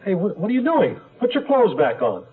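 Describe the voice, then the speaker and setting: A man's voice: high-pitched, huge pitch swings, brisk, slightly rough, heavily acted. An actor playing a weary, hard-drinking male insurance investigator who stammers when flustered, in a 1970s radio drama. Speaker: detective narrator. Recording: tinny old radio broadcast with music.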